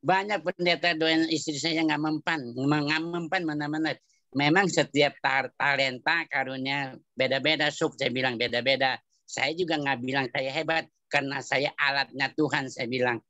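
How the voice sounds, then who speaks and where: A man giving a church testimony, telling his story in colloquial, animated style and repeating phrases for emphasis. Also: on the high side, moderate pace, no room sound. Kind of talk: testimony at a prayer meeting.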